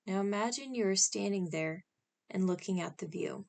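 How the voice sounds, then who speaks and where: With a gravelly voice in the mid range, a woman calmly guides listeners through a scripted meditation at a moderate pace, offering instructions in short, well-spaced phrases.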